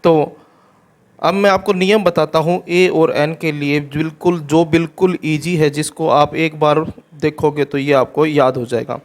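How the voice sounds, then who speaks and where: A man teaches English grammar. He is patient and goes through each rule step by step, over and over. He reads the example sentences out slowly and clearly. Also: fairly high pitch, steady tone. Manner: patient, repeats each rule in simple steps. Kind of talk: explaining an English grammar exercise.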